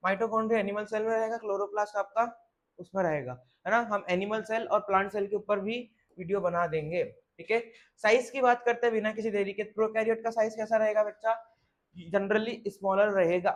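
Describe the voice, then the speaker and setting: A man's voice: sits high, steady tone, normal speed. A young male biology teacher, giving a step-by-step lecture to students, asking questions and answering them himself. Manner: explains step by step, asks and answers questions aloud, frequent "theek hai". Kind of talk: classroom lecture.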